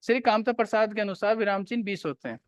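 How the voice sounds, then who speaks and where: A man's voice: high-pitched, fast, clean tone, dry recording. A male teacher giving a classroom grammar lecture, repeating key points and quizzing his students.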